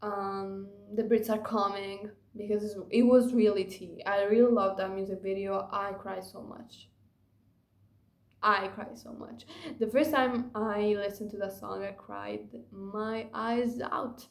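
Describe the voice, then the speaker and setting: A woman's voice: mid-range voice, level tone, slow pace. A young woman vlogging casually to camera, rambling and gushing with lots of fillers. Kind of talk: casual confessional vlog. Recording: echoey room.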